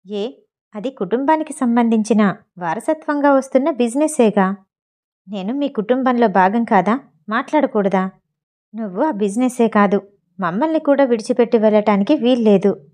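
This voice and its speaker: A woman's voice: on the high side, moderate pace, darkish tone, close to an everyday voice. A woman reading as a furious, ranting rich mother. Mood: angry. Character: furious scheming wealthy mother, middle-aged woman.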